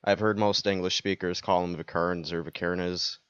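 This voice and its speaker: A young man with a very deep, smooth voice talks in a laid-back, dry way on a podcast, swearing casually. The recording is a bit dull and lo-fi, dry and close. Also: level tone, fairly quick, no room sound. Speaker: podcast co-host. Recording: slightly dull lo-fi mic.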